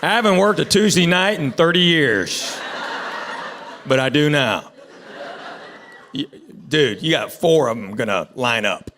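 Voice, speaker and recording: A man's voice: fairly high pitch, sharp tone, slight background noise. A middle-aged man doing conversational stand-up comedy, telling stories and acting out bits of dialogue. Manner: conversational storytelling with acted-out dialogue.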